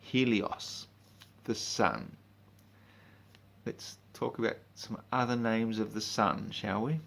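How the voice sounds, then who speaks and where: A man in a drunken, rambling, sweary rant, speaking informally and haltingly, with emphatic bursts and muttered asides. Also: on the low side, vocal fry, a bit bright. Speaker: monologue speaker.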